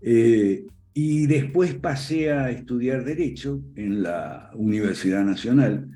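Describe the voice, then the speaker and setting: A man's voice: mid-range voice, lively intonation, slow, dark tone, soft background music. An older man from Argentina with an Argentine Spanish accent, giving a conversational virtual lecture, dotting his talk with "eh" and "¿ok?" and little chuckles. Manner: frequent "eh" and "¿ok?" tags, chuckles while talking.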